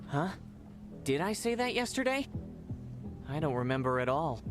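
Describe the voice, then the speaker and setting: An actress playing a young student, forgetful and uneasy, in scripted game dialogue. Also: female voice, deep voice, very animated, moderate pace, faint music behind. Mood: puzzled.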